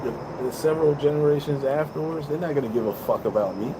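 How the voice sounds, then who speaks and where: A man's voice: a little high, fast talker, heavy background noise. A man in his fifties giving rambling, earnest life advice in a casual monologue, swearing freely and repeating himself. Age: 50s. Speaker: vlogger. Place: balcony, outdoors.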